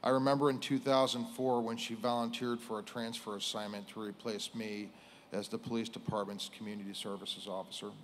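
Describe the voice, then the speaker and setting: A man's voice: lowish voice, level tone, a little hiss or hum. Solemn American man giving a formal eulogy. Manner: solemn, measured, pausing between short phrases. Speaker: police chief giving a eulogy. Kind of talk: formal prepared funeral speech. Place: indoors on a stage at a lectern. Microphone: lectern microphone.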